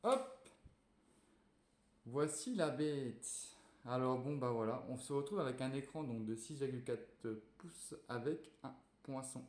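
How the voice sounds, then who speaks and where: A man's voice: medium pitch, moderate pace, a little mellow. A man casually chatting while unboxing a phone, hesitant and full of fillers. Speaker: tech reviewer unboxing a phone. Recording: echoey room.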